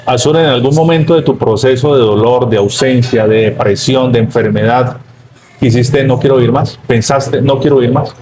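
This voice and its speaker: A man hosting a podcast interview, slowly listing words before he asks his question. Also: mid-range voice, rough recording. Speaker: podcast host.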